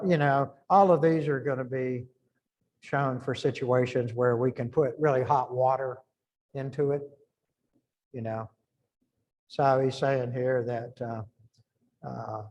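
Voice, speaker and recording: A middle-aged man with a medium-pitched, slightly mellow voice gives an informal engineering lecture. He thinks aloud and restarts phrases as he works through numbers.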